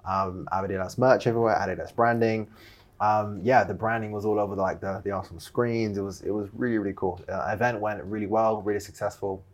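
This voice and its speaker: Young man, low voice, chatty storyteller, lots of fillers. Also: brisk. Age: young adult. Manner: animated storyteller, many fillers, laughs while telling. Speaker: guest, video production founder. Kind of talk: casual storytelling interview.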